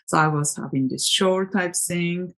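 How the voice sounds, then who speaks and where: A tarot vlogger from Japan, speaking her native Japanese, talks at a measured pace in a lowish voice with a fairly bright tone. She wanders through the topic in a relaxed, reflective manner, often using fillers and starting sentences over.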